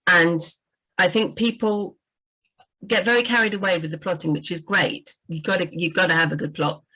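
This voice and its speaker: A woman with a slightly low voice chats as a book editor. She talks loosely, with lots of "you know" and self-corrections. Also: fairly even intonation, moderate pace, bright, forceful tone, husky, poor audio. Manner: chatty, frequent "you know" and restarts. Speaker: book editor and writing coach. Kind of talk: casual livestream chat.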